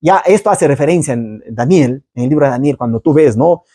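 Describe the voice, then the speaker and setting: A man preaching Bible teaching, who keeps checking in with his listeners and tells the story in a lively way. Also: medium pitch, a little fast, no room sound, clean studio sound.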